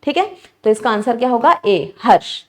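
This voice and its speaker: A woman's voice: fairly high pitch, expressive, moderate pace. A woman teaching an exam-prep lesson, explaining each answer step by step and constantly asking her students questions.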